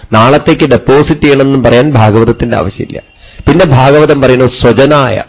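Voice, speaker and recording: Brief: male swami preaching, mid-pitched, conversational, dull lo-fi sound. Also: a little mellow. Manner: conversational storytelling, rhetorical questions. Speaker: swami giving a scripture discourse. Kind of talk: devotional discourse. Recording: dull lo-fi recording.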